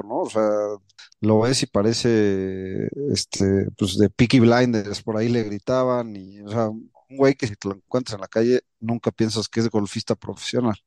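A man's voice: fairly low pitch, steady tone, measured pace, a little mellow, dry recording. A man co-hosting a golf podcast, talking colloquially and repeating words as he goes. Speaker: podcast co-host. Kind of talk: casual golf chat.

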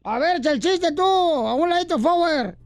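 Brief: high-pitched man hosting radio comedy, slangy and teasing, music bed. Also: lively intonation, normal speed, no room sound, clean studio sound. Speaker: radio show host. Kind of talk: radio morning show banter and joke telling.

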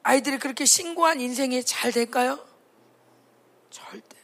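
A woman preaching to a youth camp, her voice high and edged with gravelly fry. She speaks emphatically and keeps asking her young listeners questions. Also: animated, normal speed, fairly bright tone. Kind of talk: sermon.

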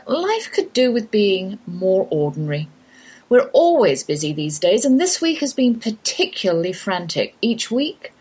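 A woman's voice: fairly low pitch, husky. A middle-aged English woman hosting a homeschooling podcast, telling homely stories with wry asides. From England. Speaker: podcast host. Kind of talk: scripted podcast monologue.

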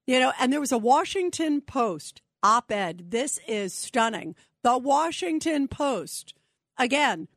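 A woman with a fairly high voice hosts a radio talk show, offering opinionated commentary in a conversational way and speaking directly to her listeners. The recording is dry and clean, with a studio sound.

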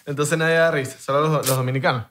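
A man's voice: a little high, steady tone, quick pace, fairly bright tone. A man from Venezuela with a Venezuelan accent, co-hosting a podcast in playful, slang-filled casual chat. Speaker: podcast co-host.

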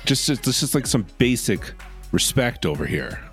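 At a normal speed and in a mid-range voice, this thirtysomething podcast co-host trades sarcastic jokes during a casual recap, recorded in a makeshift home setup with soft music underneath. He swears freely and keeps breaking into silly, swooping voices.

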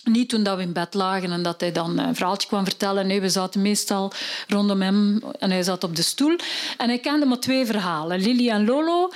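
A middle-aged woman with a Flemish accent, an author telling stories to a live audience. She talks in a lively, chatty way, with plenty of fillers, at an ordinary mid pitch. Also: fairly quick. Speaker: author and storyteller. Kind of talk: live storytelling talk.

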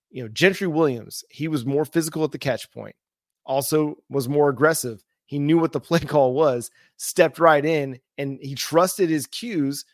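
A man's voice: on the high side, no echo, clean studio sound. A man hosting a sports talk show, giving earnest analysis and building his points through repetition.

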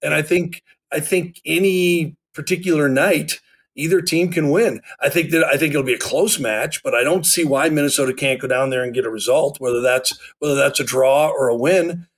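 A man's voice: fairly high pitch, normal speed. An American man on a sports podcast panel, talking casually and conversationally about the game.

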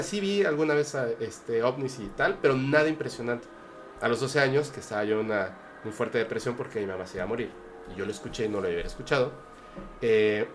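A man's voice: medium pitch, slight background noise. A man with a Mexican Spanish accent telling a personal story on a podcast, earnest and hesitant with many fillers and restarts. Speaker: podcast guest. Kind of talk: casual storytelling.

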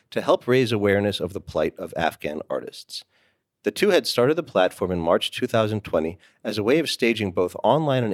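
A man hosting a podcast, reading a scripted introduction in a polished, clearly phrased way. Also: on the low side, dry recording, clean studio sound. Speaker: podcast host.

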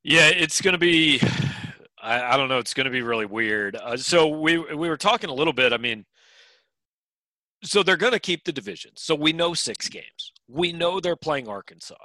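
A man's voice: on the high side, lively intonation, moderate pace, pushed and bright, no room sound, low-quality recording. A man co-hosting a sports podcast in casual chat, with dry, wry humor and frequent restarts.

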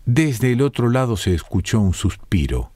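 A man with a Rioplatense Spanish accent narrating an audiobook in a calm, measured way. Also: mid-range voice, dry recording.

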